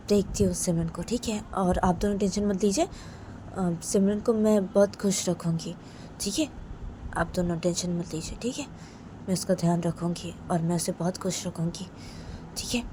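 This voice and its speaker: A woman voicing a devoted young woman in a storybook romance, softly reassuring the parents. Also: lowish voice, slight background noise, lightly acted. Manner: soft, reassuring.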